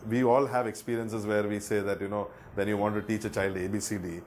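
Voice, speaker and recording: Measured man explaining a teaching method. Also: on the low side, steady tone, darkish tone, slight background noise. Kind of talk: explanatory talk.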